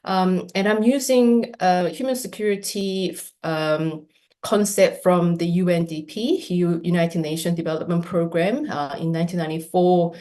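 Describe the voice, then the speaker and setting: Low-voiced woman presenting research. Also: steady tone, mellow. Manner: measured, lecture-like with fillers. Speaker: academic presenter. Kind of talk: conference presentation.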